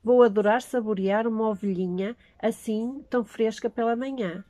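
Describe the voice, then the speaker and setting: A woman's voice: fairly high pitch, normal speed, mellow, natural voice. A woman reading the lines of a drunk, toothless, bearded man in a storybook, giving him a mocking, menacing drawl. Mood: leering.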